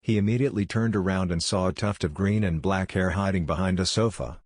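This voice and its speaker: A man narrating a fan story in an even, unhurried reading voice. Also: low voice, dry recording. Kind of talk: slow scripted story narration.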